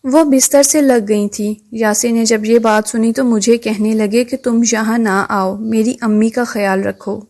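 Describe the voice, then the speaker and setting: A woman narrating a scripted first-person story in a steady, even reading manner. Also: fairly high pitch, few pauses.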